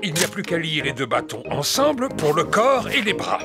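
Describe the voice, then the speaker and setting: A man's voice: a little high, big pitch swings, normal speed, loud music behind the voice. A man voicing an elderly, blustery, eager grandpa pig in a preschool cartoon, full of exclamations.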